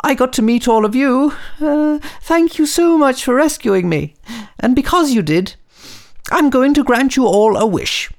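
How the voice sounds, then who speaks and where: A man voicing a grateful little male star in a bedtime story, with a high squeaky put-on voice. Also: expressive, unhurried, vocal fry, a little mellow, full character voice.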